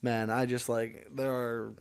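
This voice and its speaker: A Canadian man bantering from the commentary booth, playful and animated with a self-mocking streak. His voice sits at an ordinary middle pitch. Faint music plays underneath him. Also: unhurried, clean tone, no room sound. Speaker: drift commentator.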